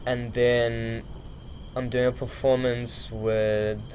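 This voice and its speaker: A man talks in a loose, rambling, slangy way, like a musician being interviewed. His pitch is middling. A light layer of ambient noise sits behind the voice. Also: flat delivery, slow, darkish tone. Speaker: musician, podcast guest. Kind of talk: casual interview chat.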